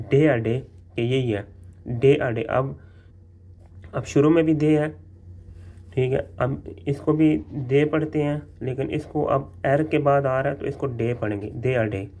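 Guy teaching the alphabet, dark mellow voice, says each sound over and over. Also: medium pitch. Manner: repeats sounds slowly, checks with "theek hai". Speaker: language teacher. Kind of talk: casual spoken lesson.

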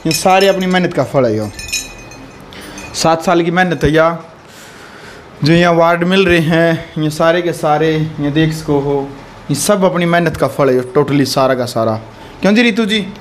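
A young man with a Haryanvi accent talks casually as he gives a vlog house tour. His voice is quite high, and he laughs often and points things out to the camera. There is faint outdoor ambience behind him. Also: measured pace, slight background noise. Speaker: vlogger giving a house tour. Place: rural house and courtyard, outdoors and indoors. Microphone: handheld phone mic.

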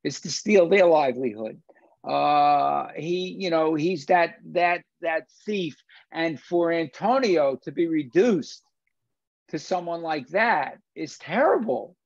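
An older man, 60s or 70s, hosts and lectures in a film discussion on a video call, his creaky voice fairly high with lively intonation and a slow pace. He leans on emphasis and repeated phrases. The recording is dry, but the desk-distance computer mic makes it dull and lo-fi.

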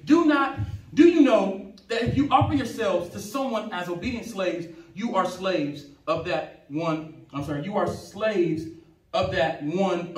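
A male pastor preaching a sermon with impassioned, emphatic delivery, reading and explaining scripture in a church sanctuary. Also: sits high. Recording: echoey church hall, distant mic.

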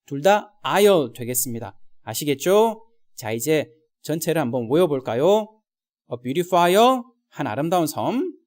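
A man teaching vocabulary in a recorded lesson, speaking straight to viewers and drilling slow example sentences. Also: on the high side, sing-song, darkish tone.

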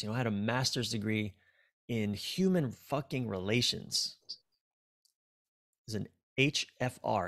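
On a video call from a small, dim room, an American man in his forties speaks in a mid-range, slightly bright voice. He's a relationship coach guesting on a podcast, and the conversation is casual and candid, with him reflective, open, and swearing often.

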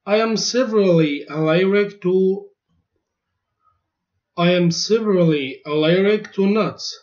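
A man teaching a language lesson, saying each short phrase twice in a clear, deliberate drill. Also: high-pitched, a little mellow. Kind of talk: slow repeated phrase drill. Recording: dull lo-fi recording.

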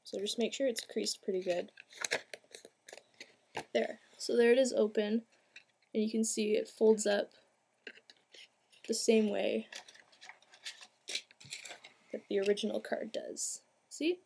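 In a slightly high, mellow voice, a young adult woman demonstrates a craft step by step with a flat delivery, speaking slowly and leaving long pauses. She is a craft tutorial host, informal and plain in manner, filming in a small room at home. The amateur home video is clear, though background noise is audible.

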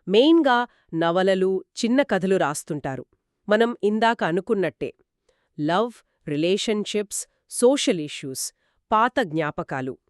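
A woman's voice: medium pitch, dry recording, clean studio sound. A woman co-hosting a book discussion podcast, explaining and summing up reader reviews. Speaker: podcast co-host.

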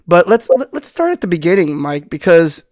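The middle-aged podcast host, born in the Philippines and raised in Southern California, speaks at normal speed in a sing-song voice on the high side with a darkish tone. The sound is clean studio audio with no room sound, captured through a studio mic on his webcam while he wears headphones. His casual video-call interview rambles, with many restarts and fillers.

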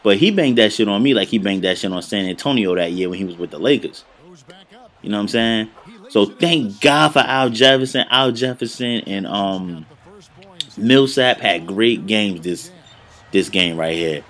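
A young man talks over his basketball game in a slightly low voice. His commentary is loose and full of slang. He swings between hype and frustration as the plays unfold. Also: normal speed. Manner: slangy, excitable, frustrated play-by-play. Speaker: gaming commentator. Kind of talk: casual video game commentary.

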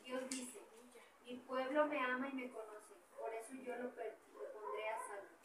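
A woman from the congregation reading a Bible passage aloud in a quiet, even way. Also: on the high side, moderate pace. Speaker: congregation member reading scripture. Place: small church hall indoors. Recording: echoey room from far off with noise.

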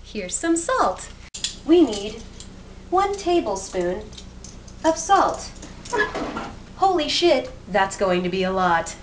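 In a slightly high, sing-song voice, slow and often pausing, a young woman jokes and chats through a cooking demo in her small home kitchen, teasing herself and moving around. It's playful how-to talk, captured noisily by a moving handheld camera mic.

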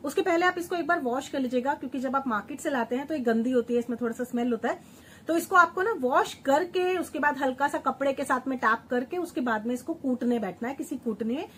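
Female beauty-tips vlogger, high voice, repeats words for emphasis, chats warmly like a sister. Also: fast, a little hiss or hum. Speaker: home remedy vlogger, channel host. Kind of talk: chatty beauty tips vlog. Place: at home, grinding and sieving while she talks.

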